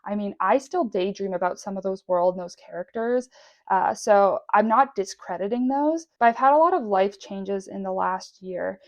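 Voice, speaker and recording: A woman's voice: mid-range voice, normal speed, darkish tone. A young adult woman chatting casually and enthusiastically in a solo vlog as a writer. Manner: enthusiastic, gushing. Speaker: writer vlogging about their work.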